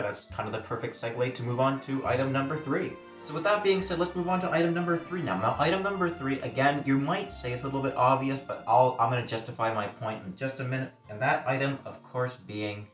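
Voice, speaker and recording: A man's voice: medium pitch, fairly bright tone, echoey room, recorded from a distance. A man talking casually in a food vlog, chatty and self-deprecating, tasting food as he goes. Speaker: food vlogger.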